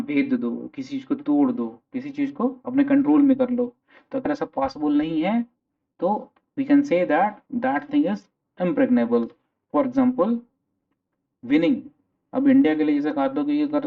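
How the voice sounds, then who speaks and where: A man's voice: on the high side, vocal fry. A male teacher with an Indian English accent gives a vocabulary lecture in mixed Hindi and English, asking and answering his own questions. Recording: tinny phone-like sound.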